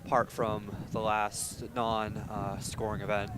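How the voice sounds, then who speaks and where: A man giving relaxed live commentary on a track race. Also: lowish voice, a little slow. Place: outdoors at a track meet. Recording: loud outdoor ambient noise.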